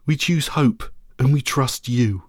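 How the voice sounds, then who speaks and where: A man's voice: mid-range voice, slow, no echo, studio quality. A man reading a story aloud, voicing a small, brave terrier dog who pleads earnestly. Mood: pleading.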